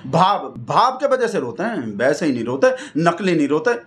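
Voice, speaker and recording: Male comic, high-ish voice, mock-devoted rambling satirical monologue. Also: sing-song, moderate pace, a little hiss or hum. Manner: mock-devoted rambling, repeats "bhai sahab" constantly. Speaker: satirical comedian in character.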